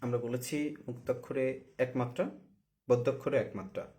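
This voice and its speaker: A man's voice: medium pitch, fairly even intonation, moderate pace, mellow. A man teaching a recitation lesson, explaining patiently step by step and drawing out syllables one at a time as he counts them. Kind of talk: spoken tutorial lesson.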